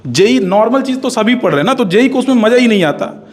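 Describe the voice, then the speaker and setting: A male teacher with a notably high voice speaks with emphatic confidence. He explains his method on camera and hammers his points home by repeating them. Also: lively intonation, fast.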